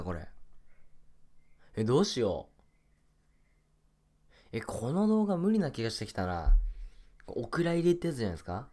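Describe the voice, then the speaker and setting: A young man chatting casually while playing a mobile game, muttering and repeating little phrases to himself. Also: mid-range voice. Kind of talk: casual rambling gameplay chat.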